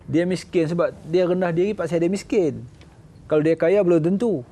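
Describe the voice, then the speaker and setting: A man with a Malaysian Malay accent, a religious teacher giving a lively sermon and acting out little scenes. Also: moderate pace. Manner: animated, acts out little scenes, jumps to high voices. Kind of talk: lively sermon with acted dialogue.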